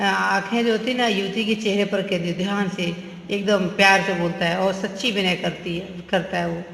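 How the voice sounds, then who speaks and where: A woman's voice: mid-range voice, fairly bright tone. A woman teacher explaining a story to her class, glossing words in English and acting out the characters' lines. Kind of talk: Hindi literature lesson, retelling a story with acted dialogue. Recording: echoey room with faint ambient noise.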